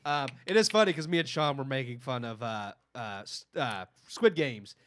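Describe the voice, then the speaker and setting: A man co-hosts a casual podcast, speaking at an ordinary middle pitch. He rambles and restarts, leaning heavily on fillers as he hunts for words. The sound is dry and close. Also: lively intonation, moderate pace, a bit bright, no echo. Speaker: podcast co-host.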